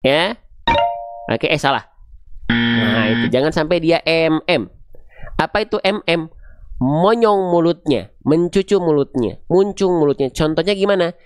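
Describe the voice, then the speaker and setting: Smooth-voiced man teaching recitation. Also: a little high, measured pace, no room sound, clean studio sound. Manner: asks questions aloud and answers them himself; patient, step-by-step explaining. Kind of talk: online video lesson.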